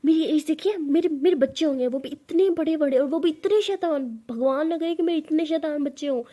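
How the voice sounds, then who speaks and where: A woman voicing a touchy, easily upset young woman who complains in shrill, indignant outbursts. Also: fairly even intonation, moderate pace, dark tone.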